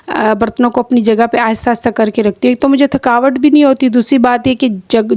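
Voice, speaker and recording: This vlogger speaks in a high voice with a darkish tone, her throat slightly sore. A middle-aged homemaker with a Pakistani Urdu accent, she rambles to her viewers at home with plenty of fillers and restarts, recorded dry and close with no room sound.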